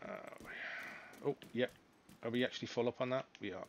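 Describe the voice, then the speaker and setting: Excitable male gaming streamer. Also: mid-range voice, moderate pace, a little hiss or hum. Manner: shouts excitedly in fights, chatty when calm. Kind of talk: live gameplay commentary.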